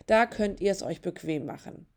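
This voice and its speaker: A woman voicing a busy, gruff male innkeeper in a storybook reading. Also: mid-range voice, animated, moderate pace, lightly acted. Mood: brusque. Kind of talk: storybook narration.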